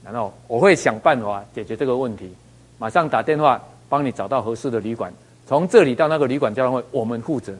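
A man giving a motivational talk, animated, telling stories and asking the audience rhetorical questions. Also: mid-range voice, quick pace, breathy edge. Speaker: speaker.

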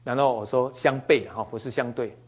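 Man, conversational Bible teaching, joking asides, folksy preacher, mid-pitched voice. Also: steady tone, brisk, darkish tone, slightly rough.

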